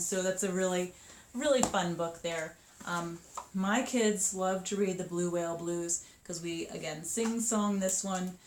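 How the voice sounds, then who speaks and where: A woman in her thirties chatting upbeat about children's books, with lots of ums and quick asides. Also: fairly low pitch. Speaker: children's book seller. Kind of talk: casual book showcase. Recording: echoey room with faint noise.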